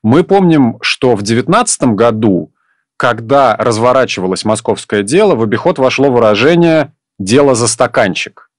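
A male news host asking measured, probing questions of a reporter. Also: medium pitch, expressive, no echo, studio quality.

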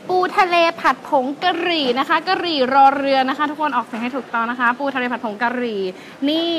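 A young woman hosting a food vlog, chatty and excitable, walking through seafood dishes at a seaside restaurant. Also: high voice, slight background noise, poor audio. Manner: chatty and excitable, lots of fillers and exclamations. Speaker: food and travel vlog host. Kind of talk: casual food review walkthrough.

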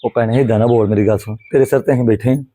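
A remorseful brother pleads with his angry sister in a quick, mellow voice, voiced by a man. The sound is close and dry. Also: medium pitch, steady tone, no room sound, natural voice. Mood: pleading. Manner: pleading, placating. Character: apologetic younger brother, pleading.

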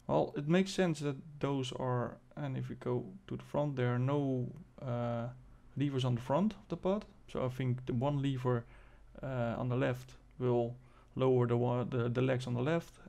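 A man giving casual commentary as host of a game showcase, halting and thinking aloud as he demonstrates. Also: medium pitch, creaky, mellow. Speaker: video host presenting a game spaceship.

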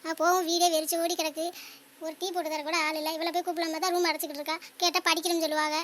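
Squeaky, nagging cartoon mom. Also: female voice, little pitch movement, a bit bright. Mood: complaining. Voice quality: squeaky, rapid-fire complaining. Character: nagging middle-aged cartoon mother, grumbling. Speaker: mother-in-law. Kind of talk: cartoon comedy voice acting.

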